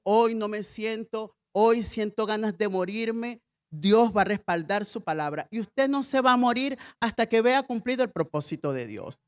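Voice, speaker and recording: A middle-aged woman pastor with a mid-range voice preaches a sermon. She uses emphatic repeated refrains and calls out to the congregation for responses.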